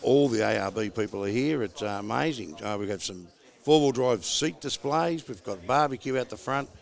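A man's voice: mid-range voice, expressive, moderate pace, vocal fry. A man with an Australian accent hosting a casual podcast chat in a laconic, drawling country manner. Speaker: podcast host.

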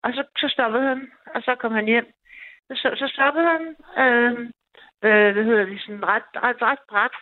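This fifties-aged woman phones a radio program to tell a long, meandering story about herself, often restarting and using fillers. She speaks in a fairly high voice with fairly even intonation over a dry, tinny phone connection.

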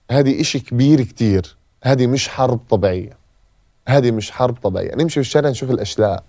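A man's voice: mid-range voice, dark tone, dry recording, studio quality. A man from Gaza with a Palestinian accent gives an emotional personal testimony as a podcast guest and repeats phrases for emphasis. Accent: Palestinian Arabic.

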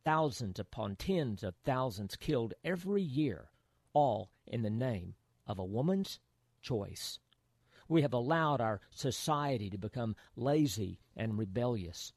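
A man with a medium-pitched voice hosts a radio program. He delivers a scripted patriotic monologue with earnest, oratorical phrasing and rhetorical questions, in a dry studio sound. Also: animated, a little slow, a little mellow, dry recording.

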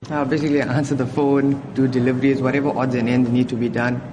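A man in his twenties answering interview questions outdoors, describing his work in a quick, flat way. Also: medium pitch. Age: 20s. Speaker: restaurant helper and comedian. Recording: loud street noise outdoors.

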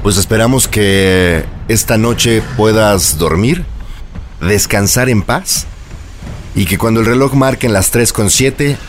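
Male radio host, calm and unhurried, slightly low voice. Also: slight background noise. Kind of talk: radio call-in sign-off.

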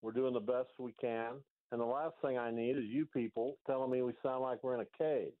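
A man's voice: medium pitch, fairly even intonation, fairly quick. A male radio host talking in casual sports banter with a blunt, wry manner, his voice carrying a hollow cave-like echo. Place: remote location, not the studio. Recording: echoey, tinny phone-like remote line.

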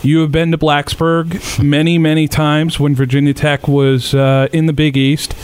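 A man's voice: on the high side, flat delivery, normal speed, a little mellow, clear, resonant tone. A man from Rhode Island, co-hosting a casual sports podcast chat, making his case by stacking up points. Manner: building lists of points. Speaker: podcast co-host.

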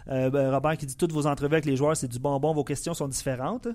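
A man with a Quebec French accent co-hosting a sports show, relaxed and matter-of-fact as he reads out listener comments. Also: fairly high pitch, quick pace. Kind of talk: casual chat, reading listener comments.

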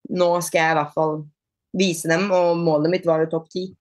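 A woman being interviewed on a podcast, chatting casually, with many fillers and restarts and lively retold dialogue. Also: lowish voice. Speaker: podcast guest, bodyfitness athlete.

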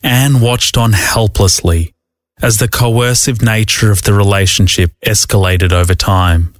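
A man with a low voice narrates a documentary from a script. His delivery is measured and even, and the recording is dry and close, with no room sound. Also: no room sound.

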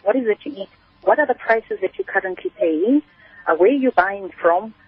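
Her voice sits mid-range and is husky, with lively intonation at normal speed and no room sound. A South African spice entrepreneur from Kimberley, she's the guest in a conversational radio interview, heard over a narrow phone line, explaining at length as if telling a story.

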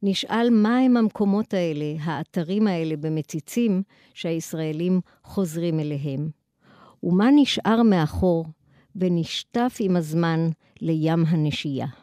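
Academic lecturer: woman, Israeli accent, dark soft-edged tone, formal scripted delivery, very dry recording. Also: fairly low pitch, dry recording. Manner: formal, articulate, long measured sentences.

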